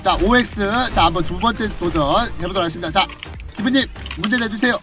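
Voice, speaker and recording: A man's voice: sits high, quick pace. A man hosting an online gaming quiz like a game show host, prompting players and counting down over music. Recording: music behind the voice.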